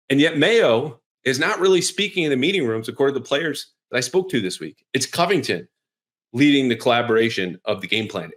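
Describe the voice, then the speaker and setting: A male sports podcast host in a casual, energetic monologue. His talk is conversational and keeps swinging into lively emphasis. His voice sits at an ordinary middle pitch.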